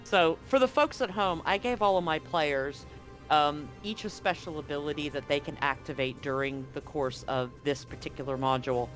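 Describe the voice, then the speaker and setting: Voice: mid-range voice, moderate pace, a bit bright. A game master running a live tabletop game, explaining the action and rules in a casual, conversational way. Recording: music behind the voice. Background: background music.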